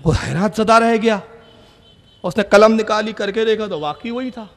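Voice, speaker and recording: A man preaching a sermon to a gathering, telling a story and acting out its dialogue, sometimes rising to shouts. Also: sits high. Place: public religious gathering. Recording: long reverb of a large hall.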